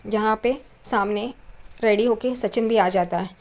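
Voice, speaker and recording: A woman's voice: medium pitch, a little slow. A woman narrating a recap of a TV serial episode. She walks through each scene in order and closes every quoted line with a trailing tag. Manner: retells scenes step by step, tagging quotes with a trailing "karke".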